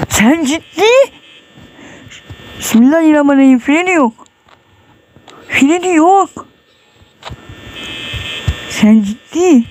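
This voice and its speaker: A man's voice: very high voice, dark tone. Jumpy young man, nervous horror gameplay. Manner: tense, jumpy, muttering prayers and exclamations. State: sweating, nervous. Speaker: gamer. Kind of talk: horror game let's play commentary.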